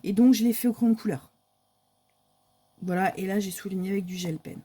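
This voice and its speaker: A woman's voice: mid-range voice, steady tone, a little fast, warm tone, slight background noise. A woman, casually showing her month's coloring pages in a chatty, hesitant way with many fillers. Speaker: crafting vlogger. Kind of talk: casual show-and-tell of coloring books.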